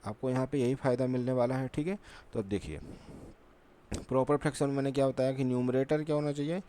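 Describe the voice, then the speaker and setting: This mellow, medium-pitched male voice moves fast but keeps a steady tone. He's giving a maths lesson at a board, patiently going over things again and again while asking and answering his own questions. "ठीक है" comes up repeatedly, along with rhetorical questions.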